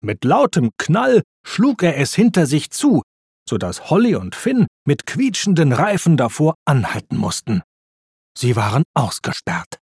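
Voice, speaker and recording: A man narrating a children's storybook with expressive, slow reading. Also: fairly high pitch, husky, dry recording, clean studio sound.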